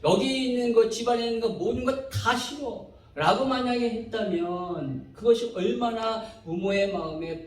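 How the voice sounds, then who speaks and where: A man preaching a sermon as pastor, animated, acting out people's complaints in quoted voices. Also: high voice, echoey room, far from the mic, rough recording.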